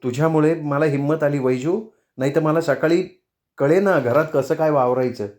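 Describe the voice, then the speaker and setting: A man's voice: on the high side, normal speed, darkish tone, natural voice. A man reading the lines of a bold, wary middle-aged woman in a storybook, with a slightly raised voice. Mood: firm.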